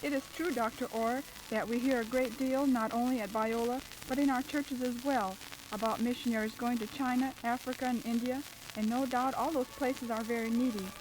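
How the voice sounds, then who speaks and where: An earnest young woman from Russia answers radio interview questions in formal, measured sentences. Her voice is slightly high, and the old radio recording carries clear background noise. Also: steady tone. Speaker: Bible school student guest.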